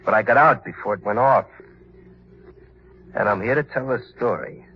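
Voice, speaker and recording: An actor playing a vengeful, unhinged ex-convict who was thought dead, menacing and gloating, in 1940s radio acting on a dull lo-fi old broadcast. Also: male voice, fairly low pitch, moderate pace, a little hiss or hum, natural voice. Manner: menacing, gloating, cackling laughter.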